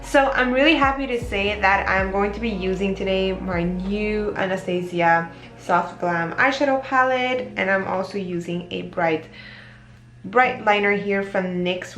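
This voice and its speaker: A relaxed woman walks through her makeup routine step by step, chatting casually and a bit hoarse at times. Her voice sits at an ordinary pitch and carries an echoey room sound, with faint music playing underneath. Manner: chatty, relaxed, explains each step as she goes. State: slightly losing her voice. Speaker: makeup tutorial host. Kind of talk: casual beauty tutorial talk.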